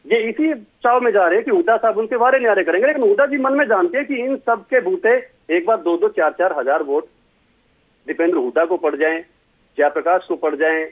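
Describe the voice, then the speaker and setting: A man from Haryana with a high-pitched, fairly quick voice speaks as a party spokesman in a televised political debate. He's folksy, telling anecdotes and acting out quotes, and the audio sounds like a tinny phone line.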